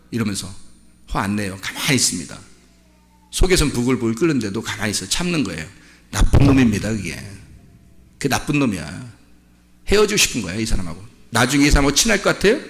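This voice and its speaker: Brief: male pastor, bright, lively sermon delivery, shouts at peaks, long church echo. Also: medium pitch. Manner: emphatic, rising to shouts, quizzing the congregation. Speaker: senior pastor. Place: church sanctuary.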